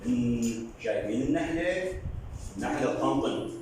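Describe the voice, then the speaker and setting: A man's voice: mid-range voice, lively intonation, normal speed, a little mellow, a little hiss or hum. A man with an Iraqi accent teaching young children to read, patiently questioning and drilling syllables in a sing-song way. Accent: Iraqi Arabic. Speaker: primary school teacher. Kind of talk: early reading lesson for children. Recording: very echoey room, voice from far off.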